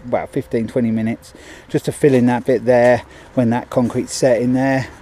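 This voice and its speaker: With a warm, medium-pitched voice and flat delivery at a moderate pace, the middle-aged handyman casually narrates finished work outdoors at a driveway gate. He's chatty and often says um or restarts. His body-worn action camera records slight background noise.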